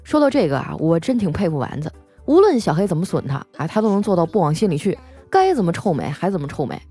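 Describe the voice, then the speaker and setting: Woman, podcast host, chatty teasing comic storytelling, lively, soft music underneath. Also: on the low side, fast, husky.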